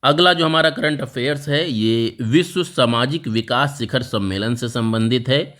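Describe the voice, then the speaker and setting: A man's voice: medium pitch, moderate pace, fairly bright tone. A man teaching a current affairs lesson for exam preparation, walking through a map and telling listeners again and again to remember key facts. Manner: explanatory, repeats key facts and says "remember this" over and over.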